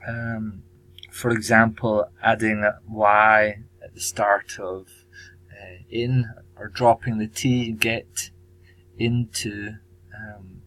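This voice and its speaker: A man teacher presenting his language course tasks, measured and pausing often with ums. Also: on the low side, a bit bright, poor audio. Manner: measured, with frequent ums and pauses. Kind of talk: recorded presentation.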